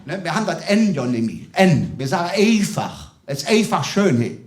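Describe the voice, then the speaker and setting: A comedian with a thick Cologne dialect, rambling through a stand-up set on a small theater stage, full of "ne" and "weißt du". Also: male voice, on the high side, big pitch swings, fairly quick, roomy sound. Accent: Kölsch (Cologne dialect). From Cologne area, Germany. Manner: rambling, chatty, many fillers like "ne" and "weißt du".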